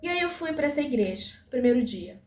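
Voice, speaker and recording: Brief: high-voiced woman, lively testimony, echoey room. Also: brisk. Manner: lively storytelling, acting out dialogue. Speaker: dental assistant giving a testimony. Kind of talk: personal faith testimony.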